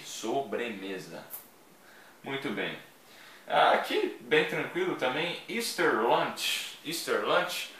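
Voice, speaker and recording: A man teaching English vocabulary in a chatty video lesson, repeating each word slowly for his learners. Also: medium pitch, sharp tone. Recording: echoey room, voice from a distance.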